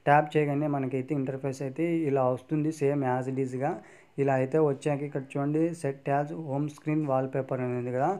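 This tech tutorial host has a medium-pitched, dark-toned voice. He narrates a screen recording of a phone app step by step, leaning heavily on fillers and repeated "friends."

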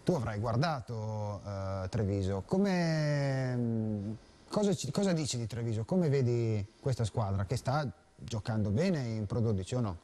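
A man's voice: medium pitch, animated, unhurried, mellow. A man in his thirties with an Italian accent, hosting a studio sports show in a conversational, helpful, prompting way. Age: 30s. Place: television studio. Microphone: lapel mic.

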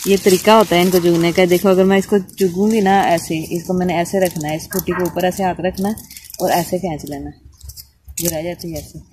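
A Punjabi-accented village vlogger from Punjab, Pakistan, narrates casually while outdoors in a cotton field, explaining things chattily with lots of filler phrases. Her voice sits on the low side, a little fast, with fairly even intonation. It's a noisy outdoor recording made on a handheld phone camera.

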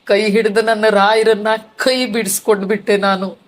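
A woman's voice: medium pitch, level tone, normal speed. A middle-aged woman giving an emotional personal testimony about her loss, grieving, repeating words and restarting her sentences. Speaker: devotee sharing her testimony.

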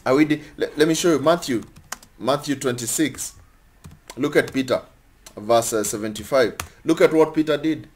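A young man preaching a sermon in a lively, repetitive way, asking rhetorical questions and chuckling between points. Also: medium pitch, normal speed, a little hiss or hum. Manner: animated, repeats phrases, laughs between points. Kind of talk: sermon teaching.

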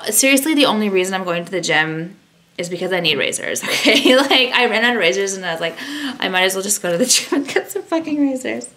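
A vlogger in her thirties shows a skincare product in her bedroom, chatting casually and self-deprecatingly into a camera held at arm's length. She has a mid-range voice with a fairly bright tone.

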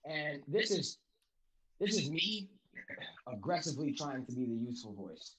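A man's voice: fairly high pitch, sing-song, moderate pace, a bit bright, breathy edge. A young man on a round table panel, speaking politely and carefully through a muffled device. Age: young adult. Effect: muffled, dull sound through a different device. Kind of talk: casual group discussion. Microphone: headset or headphones device.

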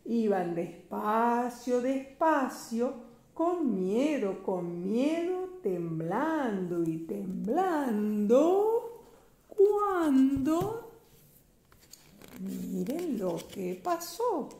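An older woman with a Rioplatense accent reading a children's picture book aloud, slow, sing-song and expressive. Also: a little high, echoey room. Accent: Rioplatense Spanish. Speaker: storyteller grandmother.

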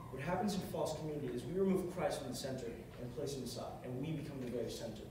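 A young man preaches a brief sermon in an echoey hall, speaking fast in a mid-range voice and earnestly repeating phrases for emphasis. He's on stage at a music stand in a large carpeted space, captured by a far camera that picks up echo and noise.

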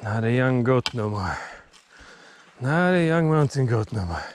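A man narrating casually while hiking a forest trail outdoors, relaxed and chatty, a little out of breath from climbing, recorded on a handheld camera mic. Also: mid-range voice. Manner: relaxed, chatty, pauses between short remarks. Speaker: hiking vlogger.

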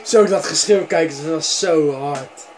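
A young man giving loud, playful commentary over a football video game match. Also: a little high, a little slow, soft background music. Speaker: gaming video creator. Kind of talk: excited gameplay commentary.

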